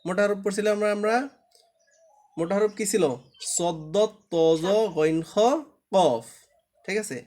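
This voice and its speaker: Male teacher, fairly high voice, patient, repeats letter sounds for an online class. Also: a little slow, pauses often, a little mellow. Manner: patient, drills letters aloud, asks the class to check understanding. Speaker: Quran reading teacher.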